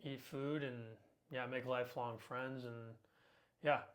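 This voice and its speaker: Upbeat twenty-something male co-host, talkative, casual and filler-heavy, average pitch. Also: fairly even intonation, slow. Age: 20s. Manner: talkative, upbeat, frequent ums and uhs. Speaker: podcast co-host. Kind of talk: casual podcast chat.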